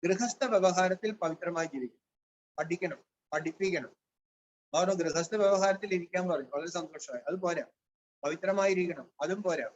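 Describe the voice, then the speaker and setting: High-voiced man giving a spiritual discourse. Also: normal speed. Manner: reads a line, then explains it plainly. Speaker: Brahma Kumaris spiritual teacher. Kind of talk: devotional discourse reading Hindi lines and explaining in Malayalam. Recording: dull, lo-fi with faint hiss.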